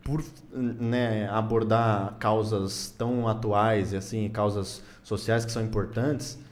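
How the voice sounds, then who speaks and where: A man's voice: on the low side, steady tone, slow. A man with a Brazilian Portuguese accent chatting casually as a podcast guest, laid-back and slangy, with swearing. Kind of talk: casual chat.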